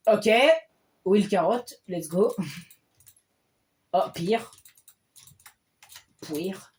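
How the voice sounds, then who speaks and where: A man giving casual gameplay commentary as a streamer, excitable and often bursting into loud cheers. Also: sits high. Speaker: game streamer.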